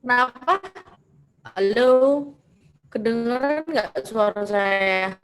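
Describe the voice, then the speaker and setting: A woman's voice: fairly high pitch, fairly bright tone, soft background music. A woman teacher quizzing students over a video call, her audio choppy and breaking up as the connection glitches. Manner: slow, patient, checks if students can hear. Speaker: teacher leading an online class.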